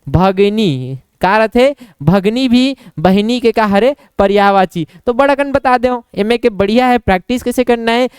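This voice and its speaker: A man's voice: high-pitched, clean tone, no room sound, studio quality. A young man with a Chhattisgarhi accent teaching an exam-prep Hindi lesson, playfully acting out little scenes and quizzing himself.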